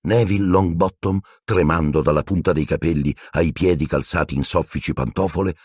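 A man narrating an audiobook with expressive storytelling. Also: deep voice, normal speed, slightly rough, no room sound, studio quality. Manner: expressive storytelling, voicing every character.

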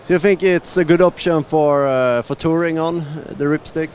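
A man's voice: on the high side, moderate pace, darkish tone. A man in his thirties asking casual, brief questions as interviewer at a busy trade fair hall, holding a handheld mic. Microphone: handheld mic with windscreen.

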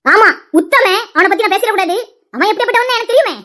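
Woman doing a shrill quarrelsome young wife. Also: lively intonation, fast talker, pushed and bright, full character voice. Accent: Tirunelveli Tamil. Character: sharp-tongued defiant young wife. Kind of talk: cartoon dialogue acting.

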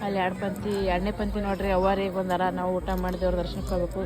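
A woman's voice: mid-range voice, little pitch movement, rapid-fire. A woman with a North Karnataka Kannada accent, chatting to her viewers in a casual vlog and pointing things out as she goes. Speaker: vlogger. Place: crowded outdoor village fair. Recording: busy outdoor crowd noise behind.

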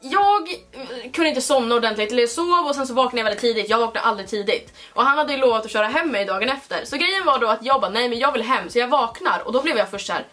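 A young woman with a high voice tells her story in a casual, chatty vlog style. She talks in an animated way and leans on fillers throughout. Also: hardly any pauses. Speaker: vlogger host.

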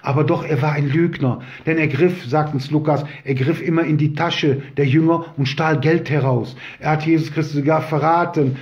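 A man's voice: on the high side, steady tone, moderate pace, hardly any pauses, muffled recording. A man preaching an earnest sermon, his voice rising when he quotes scripture.

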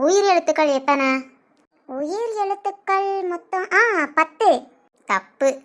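A woman's voice: extremely high pitch, a little slow. Woman doing a cheeky little cartoon girl. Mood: teasing. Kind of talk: cartoon voice acting.

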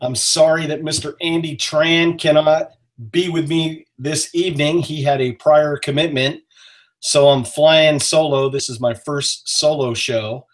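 A man from northern Maine hosting a casual live-stream chat over a webcam from a small home office, talking in a relaxed, friendly way with frequent pauses. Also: a little high. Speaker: host. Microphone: webcam on a video call.

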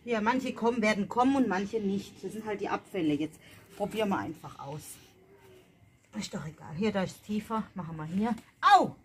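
Planting in the garden after dark, this mom talks directly to her audience in a relaxed, chatty family vlog. She has a mid-range, slightly mellow voice, speaks fairly quickly, and there's a little hiss or hum.

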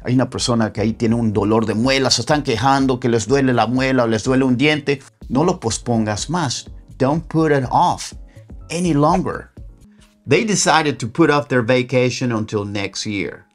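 A man teaching English phrasal verbs in a bilingual lesson, repeating example sentences slowly and acting out lively phrases. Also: medium pitch, soft background music. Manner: slow, deliberate model sentences repeated for learners.

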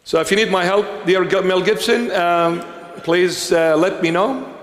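Man preaching slow and dramatic, high-ish voice, lots of hall echo. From Australia. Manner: dramatic, swinging from pleading to stern. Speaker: bishop. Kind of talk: sermon. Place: large church hall. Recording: roomy hall with long reverb.

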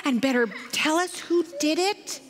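Woman playing a shouting, upset dad. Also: high voice, a little slow. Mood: stern. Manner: loud, strained, exclamatory. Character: upset father, shouting and fretting. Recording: long church hall reverb.

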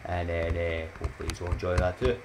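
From a small, dim room at home, a Scottish man in his thirties delivers a casual vlog outro in a low, monotone voice at a quick pace, with background noise audible. He's a YouTuber who rambles upbeat to viewers, laughs at his own jokes and adds motivational sayings.

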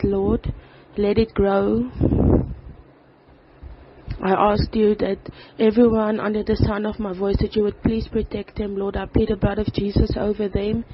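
A person recording a voice note on a phone, praying and then telling their life story in an earnest, halting way with pauses and fillers. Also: mid-range voice. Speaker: person giving a testimony. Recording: slightly dull voice note with faint background noise.

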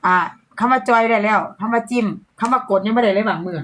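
A young woman with an Isan Thai accent chats through a live sales stream in a fairly high voice. She is playful and laughs often. A faint hiss sits under her voice. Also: fast talker, a bit bright, rough recording. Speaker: livestream seller. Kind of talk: casual live-selling chat.

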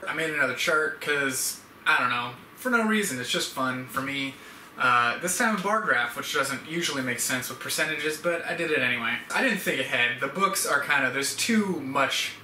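A young adult man hosts a casual YouTube vlog, standing in an indoor room at home and rambling conversationally to camera. His voice is medium-pitched with a sharp tone. The room is echoey, the mic distant, and there's background hiss.

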